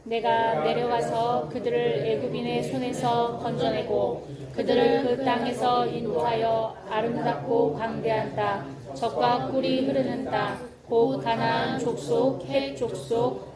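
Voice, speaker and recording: Woman reading scripture slowly in unison. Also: a little high. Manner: slow, flat, chant-like reading. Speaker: congregation member reading scripture aloud. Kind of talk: congregational responsive reading. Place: church sanctuary. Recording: distant, echoey, crowd voices.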